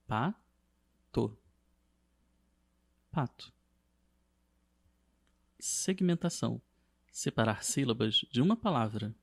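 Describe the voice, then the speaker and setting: A man narrating a scripted lesson as a teacher, in a steady, measured reading. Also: medium pitch, vocal fry, breathy edge.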